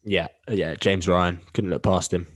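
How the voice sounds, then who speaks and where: A man co-hosting a podcast in casual chat, relaxed, moving the talk along. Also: deep voice, measured pace, dry recording. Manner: relaxed, steers the agenda. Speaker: podcast co-host.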